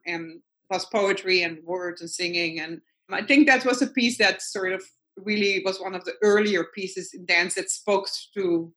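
A Dutch-accented woman, a native Dutch speaker, appears as a guest artist in a casual video-call interview, reflectively thinking aloud and circling back to her points. Her lowish voice is bright and forceful, and the recording is rough.

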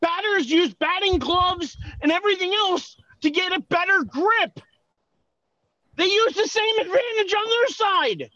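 A man's voice: extremely high pitch, expressive, a little slow, sharp tone, no room sound, dull audio. A man co-hosting a sports podcast, arguing his points in casual chat and often restarting his sentences. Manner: argumentative, explains with many restarts. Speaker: podcast co-host.

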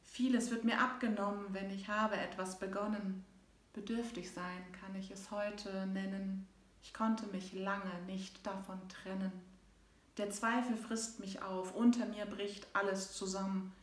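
Woman, author reading her book, slow steady delivery, rhyming cadence, reverberant room. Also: medium pitch. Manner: rhythmic rhyming recital, shifting between soft and loud. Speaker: author and host. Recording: echoey room.

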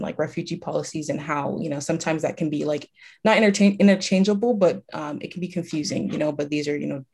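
A woman's voice: low voice, darkish tone. A woman hosting a podcast in a casual, hesitant way, with many "you know"s and ums. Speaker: podcast host.

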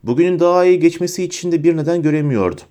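A man reads an audiobook aloud in a measured, expressive storytelling voice. His tone is mellow and dark. He pays close attention to each sentence. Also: on the high side. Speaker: audiobook narrator. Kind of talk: scripted audiobook narration.

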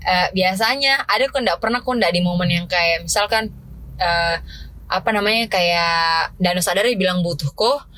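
A woman's voice: fairly low pitch, normal speed, sharp tone. A woman in casual chat, rambling with many fillers.

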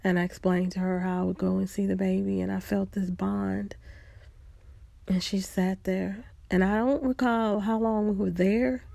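A woman telling a personal story in a reflective, unhurried way, pausing often. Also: on the low side, vocal fry, mellow, no echo.

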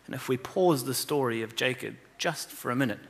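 A man's voice: medium pitch, a little fast. A man teaching children, retelling a scripture story with emphasis and rhetorical questions. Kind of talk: scripture reading and moral lesson.

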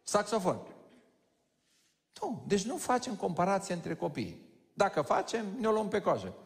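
A man's voice: sits high, gravelly. A pastor giving a conversational sermon to a congregation, joking and speaking straight to his listeners. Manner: lively, joking, addresses the audience directly. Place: large church hall. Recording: long hall reverb.

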